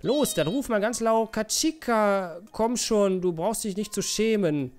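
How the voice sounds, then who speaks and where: A bubbly young inventor girl from a video game, cheeky and easily excited, voiced by a man. She giggles and chirps her lines high and bright, with a lot of lift and fall in her pitch. It is a male let's-player's own put-on voice, playful rather than polished. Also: unhurried, a little hiss or hum.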